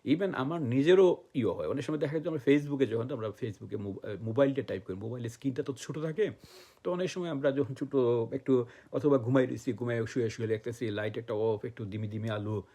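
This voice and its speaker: Male teacher, gravelly husky voice, relaxed rambling lesson with fillers and constant check-ins. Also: mid-range voice, fast. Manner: loose, repetitive teaching with many fillers and "okay?" checks. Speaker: English teacher. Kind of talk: casual spoken lesson. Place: lives in the United States.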